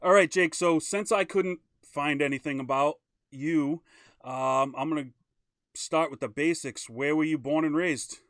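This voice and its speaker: A man's voice: a little high, measured pace, a bit bright, no echo, studio quality. A man hosting a casual live-stream fishing interview, upbeat and chatty, with sponsor plugs and easy questions. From Maine. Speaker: host.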